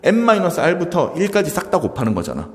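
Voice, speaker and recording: A man lectures on math with a lively, up-and-down voice that sits a little high for a man. He keeps firing short questions at the class and answering them himself. The sound carries a long reverb, as if he is in a large room. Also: fairly quick. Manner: animated, asks and answers his own questions. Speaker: math teacher.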